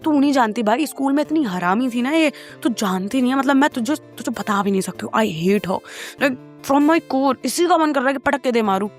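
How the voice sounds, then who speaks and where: A woman's voice: high voice, animated, moderate pace, faint music behind. A woman voicing a short-tempered young female office boss who snaps bluntly and repeats herself when angry. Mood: furious.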